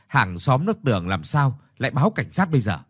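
A man voicing a gruff young man, just woken, scolding a friend in a ghost story. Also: mid-range voice, very animated, a little fast, dry recording, clean studio sound. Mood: irritated.

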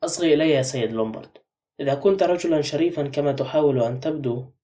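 A blunt, suspicious middle-aged man, as a male narrator reads him. Quick, dark and mellow in tone. The mic is set back a little. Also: on the high side, distant mic, close to an everyday voice.

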